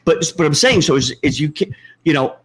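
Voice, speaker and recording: A man's voice: a little high, a little fast, a bit bright. Rambling, profane male podcast host. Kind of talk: casual chat.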